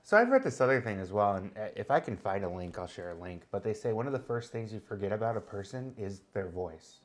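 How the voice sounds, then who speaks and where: A man's voice: on the low side, sing-song, fast. A man co-hosting a casual chat, explaining ideas at length and thinking aloud with many fillers. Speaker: co-host.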